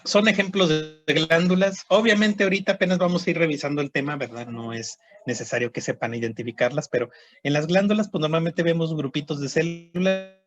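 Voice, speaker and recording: A man's voice: on the high side, a little fast, lo-fi sound, music in the background. A man teaching a histology class online, explaining step by step and checking in with students. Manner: explanatory, repeats terms, frequent "¿sí?" and "¿verdad?" checks.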